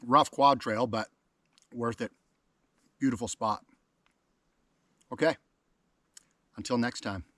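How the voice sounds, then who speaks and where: A man's voice: mid-range voice, slow pace, pauses often, a bit bright, dry recording, studio quality. A man cooking over a campfire outdoors by a lake, talking enthusiastically through a casual cooking vlog. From Canada. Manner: enthusiastic, talks with mouth full while tasting.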